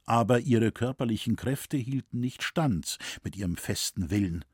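A man narrating a novel as an audiobook in a measured, solemn way. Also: medium pitch, animated, darkish tone, husky, no room sound, studio quality. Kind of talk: scripted narration.

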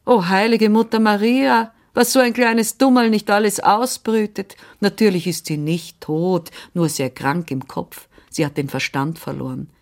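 A fussy, witch-like old seamstress who chatters and scolds yet means well, as a woman reads her in an audiobook. Her voice sits low and she talks in a busy, fretting way. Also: a little slow, vocal fry, hardly any pauses, darkish tone, heavily acted. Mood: exclaiming. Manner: chattering, scolding then soothing. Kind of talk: audiobook reading.

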